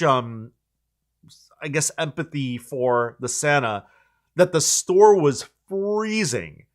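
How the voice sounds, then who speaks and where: Rambling man in his forties. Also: medium pitch. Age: 40s. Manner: rambling, full of likes and restarts. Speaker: channel host. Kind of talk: casual chat.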